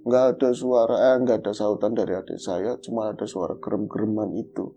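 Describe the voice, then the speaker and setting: Dark gravelly man telling a ghost story. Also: fairly low pitch, brisk, dull audio. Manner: animated, acts out his own calls and growls. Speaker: guest storyteller. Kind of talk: telling a true horror story in casual chat.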